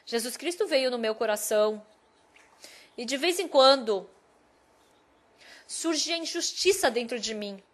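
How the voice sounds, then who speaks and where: A woman preaching a sermon as a personal story, going from hushed to emphatic. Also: a little high, a little slow, long pauses. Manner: animated storytelling, loudness swinging from hushed to emphatic.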